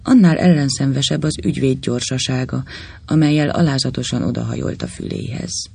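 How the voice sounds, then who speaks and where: A man narrating a literary story in a measured, expressive way. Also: mid-range voice, gravelly, husky, dry recording.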